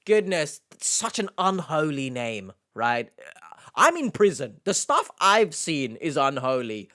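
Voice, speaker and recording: Male YouTube host, slow-paced and crisp, sarcastic reading of comments with dry, mock-offended comebacks. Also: fairly high pitch, big pitch swings, sharp tone. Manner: sarcastic, mock-indignant, dry self-deprecation.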